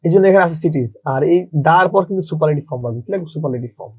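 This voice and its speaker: Racing along very fast, this man gives an animated English grammar lesson in a slightly rough voice on the high side. He calls his listeners brother and keeps repeating questions before answering them himself. No room sound is audible.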